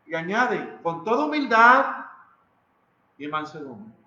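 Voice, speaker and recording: A pastor with a Mexican Spanish accent preaches slowly but with great animation in a church hall, his high voice bright and forceful. The sermon is emphatic and dramatic, with repeated phrases and questions directed at the congregation. The lo-fi recording sounds roomy.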